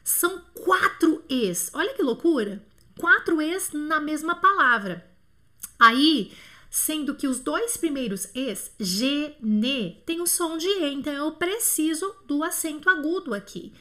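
A high, bright-voiced Brazilian woman gives a live online French lesson. She chats loosely, drifts into asides and stretches out the example words slowly so every sound is clear. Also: expressive. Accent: Brazilian Portuguese. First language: Portuguese. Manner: chatty, scatterbrained asides, drawn-out slow word demos. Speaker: French teacher.

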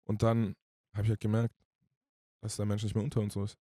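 A man with a low, dark, mellow voice talks at a rapid clip, telling a personal story in casual, slang-heavy speech. His delivery is rushed and emotionally charged. The sound is dry and close. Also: completely flat delivery, no room sound. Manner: slangy, rushed and emotional, addresses the listener as "Bruder". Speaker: podcast guest, singer.

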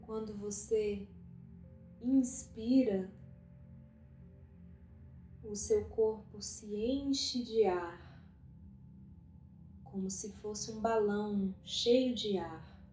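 A woman guiding a meditation, speaking softly and calmly with long pauses. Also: medium pitch. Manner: slow, soft and calm, with long pauses. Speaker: meditation guide. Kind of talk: guided meditation. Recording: roomy echo with faint music.

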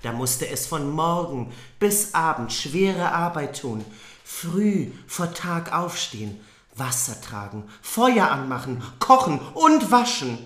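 A podcast host reads a fairy tale slowly, with a lively, swinging pitch and a bright, forceful tone. Playful, gossipy asides break into the reading. Everything rings in a roomy, echoey space.

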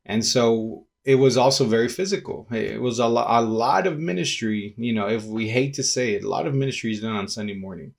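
A man from Peru, a pastor and community organizer, talking casually in an interview, thoughtful and halting with many restarts. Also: mid-range voice, creaky.

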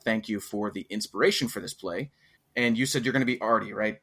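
Bright, chatty man hosting a podcast. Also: lowish voice, fairly quick. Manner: chatty, rambling. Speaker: podcast host. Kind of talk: casual chat.

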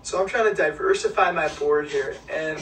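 A young man with a Chicago accent and a high voice, chatting loosely and joking on a podcast, often doubling back on his words. The mic sits back from him in an echoey room, with a faint hum of ambience behind. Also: normal speed, fairly bright tone. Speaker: podcast co-host. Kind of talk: casual chat. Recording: roomy, distant mic, faint background hum.

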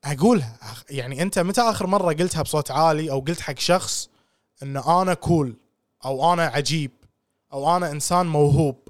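Fast-talking man on a podcast. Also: on the high side, no echo, studio quality. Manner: animated, mixes English phrases into talk. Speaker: podcast co-host. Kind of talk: casual podcast chat.

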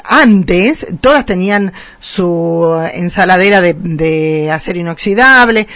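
A woman's voice: lowish voice, expressive, takes it slowly, fairly bright tone, no echo. A woman hosting a radio interview, chatting casually with frequent fillers. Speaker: radio host. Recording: dull lo-fi dry radio recording.

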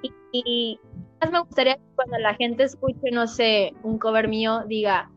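Young Mexican woman, podcast guest; animated, expressive storyteller. Muffled lo-fi audio with a faint music bed. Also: fairly high pitch, normal speed. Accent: Mexican Spanish. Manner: animated and expressive, acts out quotes. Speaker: podcast guest, singer and dubber. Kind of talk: casual chat. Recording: dull lo-fi sound, faint music.

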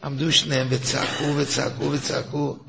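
An older man, a rabbi, giving a weekly lesson as lively storytelling, acting out the people in his stories. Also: medium pitch, gravelly, a little hiss or hum. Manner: animated, acts out shouting characters in stories.

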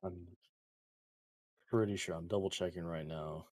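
Man, very low voice, dry sound, sleepy and laid-back, casual chat. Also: fairly even intonation, a little slow, darkish tone, no echo. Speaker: podcast co-host.

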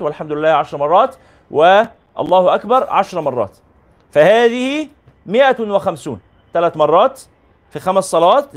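Sheikh reading and explaining a religious text. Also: male voice, high-pitched. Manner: reads classical text then explains in colloquial asides. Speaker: sheikh teaching a hadith book.

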